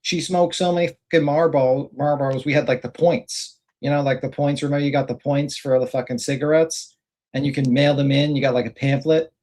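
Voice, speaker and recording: A man's voice: mid-range voice, fairly even intonation, fairly quick, darkish tone. Mocking, profane male co-host. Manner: mocking, laughing, swears a lot. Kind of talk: casual profane commentary on clips.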